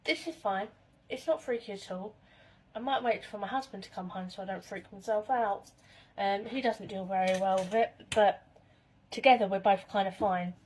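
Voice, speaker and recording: A woman's voice: mid-range voice, normal speed, a little mellow, a little hiss or hum. A woman, chatting casually to camera in her home kitchen and telling spooky stories in a rambling way. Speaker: vlogger.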